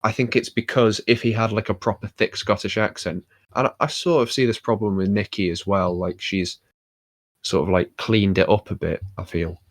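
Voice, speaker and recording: Studio-quality audio with no room sound captures a British podcast co-host whose lowish voice holds a steady tone at normal speed. His casual talk wanders, full of fillers and restarts.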